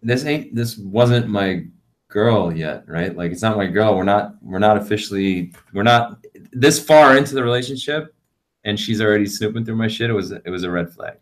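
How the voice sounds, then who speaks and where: A low-pitched man rambles through a loose podcast conversation. He swears freely and pads his sentences with fillers. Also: normal speed. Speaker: podcast co-host. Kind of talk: casual chat. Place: home studio on webcam.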